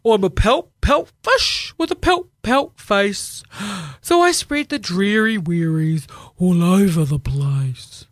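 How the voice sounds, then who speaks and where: A woman voicing a glum, gloomy male fish who mopes through a slow, sing-song refrain. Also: medium pitch, lively intonation, dry recording, clean studio sound.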